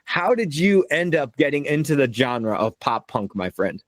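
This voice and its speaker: A man hosting a podcast, hyped and energetic, swearing casually as he talks. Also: mid-range voice, normal speed, no room sound. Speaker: podcast host. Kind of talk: casual interview chat.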